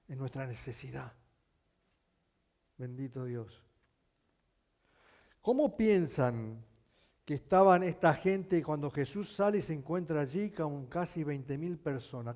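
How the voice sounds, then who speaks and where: A male pastor preaching a sermon, telling stories with animation and asking his congregation questions, at times rising to near shouting. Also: mid-range voice. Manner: addresses the congregation with frequent questions.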